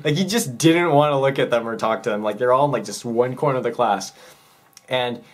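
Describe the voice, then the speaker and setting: A man's voice: medium pitch, a little fast. A young man telling a school story in casual vlog chat, rambling with many fillers. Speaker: vlogger.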